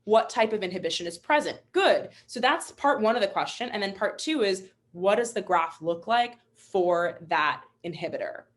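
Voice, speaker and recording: A woman's voice: medium pitch, expressive, normal speed, hardly any pauses. A young woman instructor teaching a live online webinar, upbeat and encouraging, chatty with fillers. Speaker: MCAT instructor.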